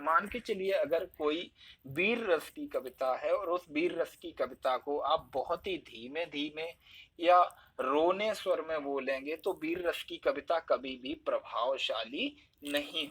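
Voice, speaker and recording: Male teacher, husky and slightly high, patiently explaining and demonstrating examples aloud. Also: a bit bright. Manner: explains step by step, acts out examples with shifting stress. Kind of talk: spoken Hindi lesson.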